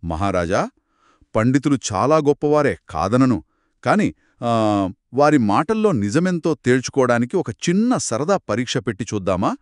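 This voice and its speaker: A man voicing a clever court jester in a told story, speaking politely with a gentle teasing edge. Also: mid-range voice, very animated, normal speed, dry recording, studio quality, close to an everyday voice. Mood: humble.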